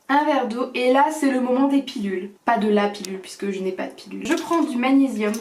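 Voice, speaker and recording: A woman's voice: mid-range voice, noisy background. A young woman vlogging casually at home, chatting and joking through her evening skincare routine. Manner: chatty, joking, breaks into snatches of song. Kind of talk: casual vlog chat. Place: home bathroom. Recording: echoey bathroom.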